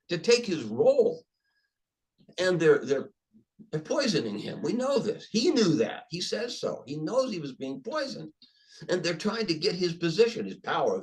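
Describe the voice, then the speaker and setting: A man's voice: high-pitched, rough recording. Older man telling stories emphatically. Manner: emphatic, animated storyteller with repeated restarts. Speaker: podcast guest. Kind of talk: conversational interview storytelling.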